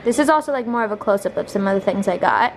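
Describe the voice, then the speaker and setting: A woman's voice: medium pitch, lively intonation, fast talker. A young American woman chatting casually to her vlog in a bubbly, gushing sorority-girl manner. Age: young adult. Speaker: college student vlogger. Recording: noisy handheld vlog audio.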